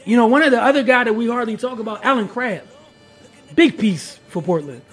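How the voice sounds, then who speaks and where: A man co-hosting a casual sports podcast, emphatic and slangy, building up to loud points. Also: very high voice, fairly quick, husky, faint music behind. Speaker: podcast co-host.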